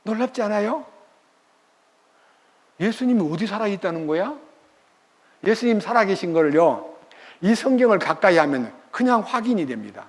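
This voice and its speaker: A man's voice: high-pitched, sing-song, moderate pace, long pauses, in a large hall. An older man preaching a sermon as pastor at a church retreat, telling the story with emphatic energy.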